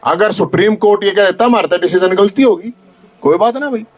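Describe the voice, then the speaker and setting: A man's voice: sits high, a little fast. Fiery Haryanvi man rallying a crowd. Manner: fiery, rhetorical, shouts repeated questions at the crowd. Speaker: activist leader speaking to supporters. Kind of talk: rally speech with call-and-response. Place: outdoor protest tent.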